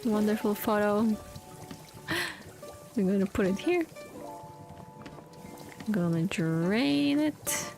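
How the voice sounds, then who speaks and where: A woman's voice: mid-range voice, lively intonation, takes it slowly, vocal fry, long pauses. Playful woman streamer over game music. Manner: playful, chatty, reads lines aloud. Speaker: gaming streamer. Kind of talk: casual gameplay commentary.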